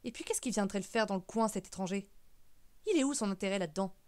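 A woman voicing a fussy, quick-tempered old great-uncle in an audiobook, loud and scolding. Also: mid-range voice, lightly acted. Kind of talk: audiobook character reading.

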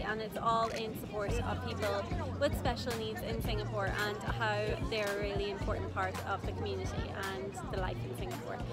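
Chatty young woman vlogging outdoors. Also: fairly high pitch. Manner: chatty, upbeat, rambling with fillers. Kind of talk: casual travel vlog. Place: outdoors in a city at evening. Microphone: phone camera at arm's length.

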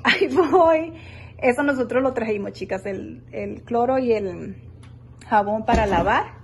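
A woman's highish, animated voice, a bit slow, narrates a casual vlog tour of a beach rental as she films on her phone while walking. She's chatty and enthusiastic, addresses viewers as "girls," and a little hiss or hum is audible.

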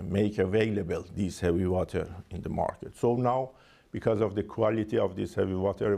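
A man with a Persian accent, speaking English as a second language, giving formal, halting interview answers as a diplomat. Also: sits low, creaky, dark tone. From Iran. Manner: halting, hesitant phrasing with frequent 'I mean'.

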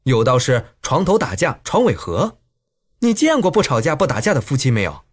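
A man voicing a fiery, quarrelsome young swordswoman in an audiobook, sharp and scolding. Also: mid-range voice, huge pitch swings, normal speed, husky. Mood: mocking.

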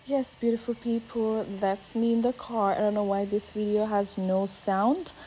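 A woman's voice: medium pitch, steady tone, moderate pace, dark tone, a little hiss or hum. A woman in her twenties records a casual vlog voiceover and switches between Kinyarwanda, French and English. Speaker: vlogger. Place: in a car and a restaurant. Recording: music playing under the voice.

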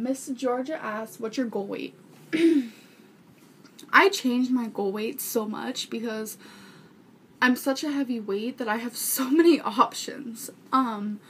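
A woman's voice: on the high side, a little hiss or hum. A woman in her twenties chatting informally and earnestly to viewers, rambling a little as she answers their questions. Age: 20s. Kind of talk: casual chat to viewers. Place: small furnished bedroom indoors. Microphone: webcam or camera mic at arm's length.

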